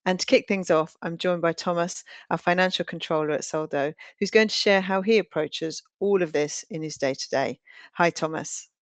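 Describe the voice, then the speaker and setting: Woman host with a low, dry voice. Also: normal speed, dry recording. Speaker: webinar host. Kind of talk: scripted introduction and interview questions.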